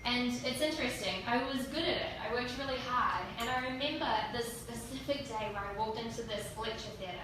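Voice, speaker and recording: A woman's voice: a little high, brisk, few pauses. A woman with a New Zealand accent giving a motivational keynote, telling stories and putting questions to her audience. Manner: storytelling with rhetorical questions to the audience. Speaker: keynote speaker. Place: indoor event room with an audience. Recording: distant mic, echoey room, noisy.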